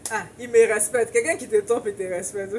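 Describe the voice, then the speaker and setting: A woman with an Ivorian French accent delivers relationship advice straight to her viewers, pressing her points with repetition and frequent laughter. Her voice sits high, and a faint hum of noise stays under it. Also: steady tone, normal speed, a little mellow. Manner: emphatic, preachy, laughs often, repeats for emphasis. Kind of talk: casual advice monologue to viewers.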